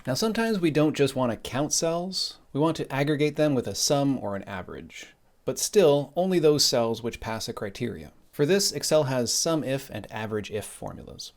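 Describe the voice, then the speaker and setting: A man teaching a screen-recorded spreadsheet tutorial, explaining in a calm, methodical way while he types. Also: medium pitch, normal speed. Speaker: instructor.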